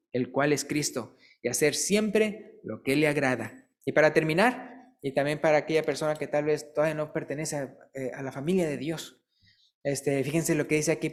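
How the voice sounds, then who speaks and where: A male preacher giving a relaxed, conversational sermon, asking the congregation questions and telling light jokes. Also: fairly high pitch. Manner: chatty, asks listeners questions and tells jokes.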